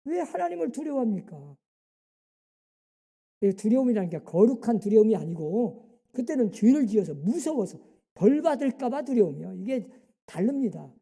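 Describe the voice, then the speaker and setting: A woman pastor preaches in a church, her voice somewhat high yet dark and mellow in tone. She keeps throwing rhetorical questions and short prompts at the congregation. A long reverb from the hall trails behind each phrase. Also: big pitch swings, moderate pace, gravelly, breathy edge. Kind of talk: sermon. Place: church sanctuary.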